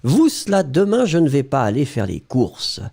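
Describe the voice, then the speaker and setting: French teacher guy reading out chat comments, bouncy up-and-down voice, kinda dark mellow tone. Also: huge pitch swings, moderate pace, creaky. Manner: playful, laughs often, exaggerated pitch swings.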